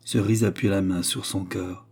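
A man reading a classic novel aloud as an audiobook narrator, in a measured, steady manner. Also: deep voice, creaky, slightly rough.

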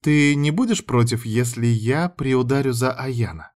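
A man's voice: mid-range voice, a little slow, darkish tone, voice pushed up, natural voice. A man voicing a teasing, sly young blonde woman who drawls her mocking lines in a raised voice.

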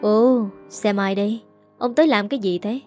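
A woman's voice: medium pitch, moderate pace, warm tone, soft background music, natural voice. A woman voicing an arrogant, cruel rich young man who mocks and sneers. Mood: sneering. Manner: sneering, mocking.

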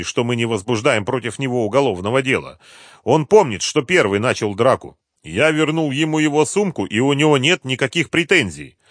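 A man voicing a bossy, quick-tempered gang leader in an audiobook, barking orders. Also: medium pitch, a bit bright, no echo, studio quality, pitched above the performer's own voice. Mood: reporting.

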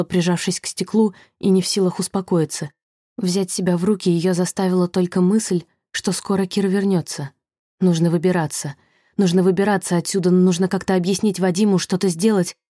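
A woman narrating a thriller audiobook in a measured, tense way. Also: lowish voice, level tone, dark tone, no echo, clean studio sound. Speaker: audiobook reader.

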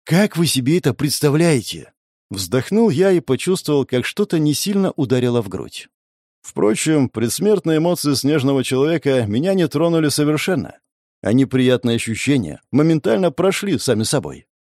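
A man reading an audiobook in the first person, with expressive, varied intonation. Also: medium pitch, normal speed, dry recording, clean studio sound. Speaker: audiobook narrator.

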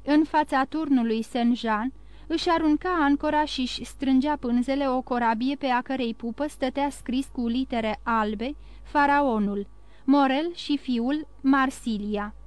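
A woman narrating a classic novel in a measured, expressive audiobook reading. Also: high-pitched, clean tone, no echo.

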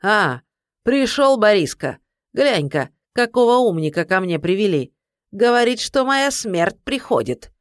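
A reader voicing an old tyrant tsar, with a dry, harsh, croaking voice and a mocking, commanding way of speaking. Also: mid-range voice, very animated, measured pace, no echo. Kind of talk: audiobook character voice.

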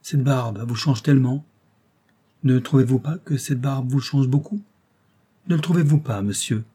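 Nervous, shabby old father-in-law, fussy and placating, mellow husky tone; a man voicing him. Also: medium pitch, moderate pace, voice pushed up, close to an everyday voice. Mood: flustered.

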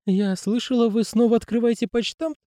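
A man's voice: very high-pitched, fairly even intonation, brisk, warm tone, no echo, clean studio sound, voice pushed up. A man voicing an eager, odd old woman in an audiobook reading. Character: eager odd old woman, also a tense young lad.

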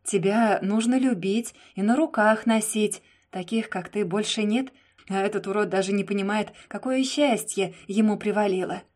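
A woman's voice: mid-range voice, normal speed, darkish tone, lightly acted. A woman reading the part of a jealous, devoted young man in an audiobook, pleading and insistent. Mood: heated.

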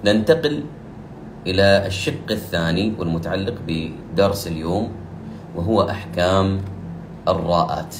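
Low-voiced man teaching Quran recitation. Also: reverberant, background noise. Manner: explains rules quickly, then recites verses slowly and louder. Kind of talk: tajweed lesson with recited examples.

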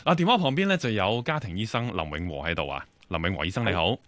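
Brisk Hong Kong Cantonese radio host. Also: male voice, fairly low pitch, lively intonation, a bit bright, no echo. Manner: brisk, many filler particles. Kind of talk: radio phone-in talk. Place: radio studio.

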